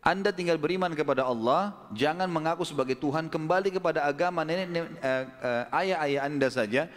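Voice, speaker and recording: A man voicing a firm, unafraid young male believer who speaks in an earnest, steady tone. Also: a little high, a little fast, long reverb tail, natural voice.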